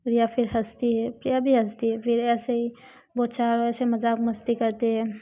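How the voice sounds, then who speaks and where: A woman narrating a love story in a plain, unhurried telling. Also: a little high, monotone, dark tone. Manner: slow, plain retelling. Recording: dull lo-fi recording.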